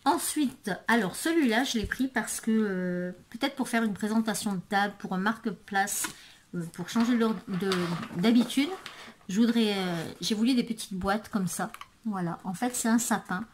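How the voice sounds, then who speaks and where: A woman presenting craft supplies in a casual video, hesitant and full of fillers, murmuring softly while she handles things. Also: medium pitch, moderate pace, a little hiss or hum. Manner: hesitant, many fillers and restarts. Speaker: craft vlogger. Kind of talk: casual product show-and-tell.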